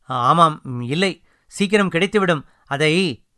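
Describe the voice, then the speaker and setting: A man's voice: a little high, expressive, slow, bright, forceful tone, dry recording, clean studio sound, full character voice. A man voicing a loyal young boatman who answers humbly and stammers, in an audiobook reading. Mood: humble.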